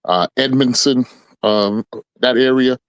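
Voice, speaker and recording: A man's voice: mid-range voice, slow, smooth, no echo. A man from Miami joining the chat, talking eagerly and loosely with lots of "man". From Miami, United States.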